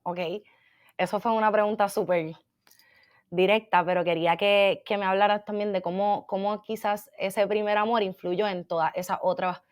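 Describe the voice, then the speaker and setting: A woman hosting an interview in an energetic, casual, slangy way. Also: medium pitch, moderate pace. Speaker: interviewer, magazine host.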